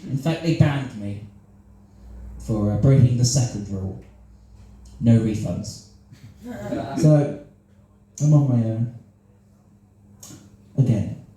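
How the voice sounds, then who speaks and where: A man's voice: medium pitch, takes it slowly, long pauses, warm tone. A man with a Cornish accent doing solo improvised comedy storytelling before a live audience, self-deprecating and chuckling at his own jokes. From Cornwall. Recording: echoey live room.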